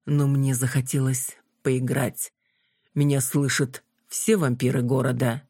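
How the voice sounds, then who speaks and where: Reader doing a vampire queen, lowish husky voice, slow and commanding, dry close sound. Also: level tone, a little mellow, dry recording, natural voice. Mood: imperious. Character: cold, mocking female vampire queen. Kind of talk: audiobook character voice.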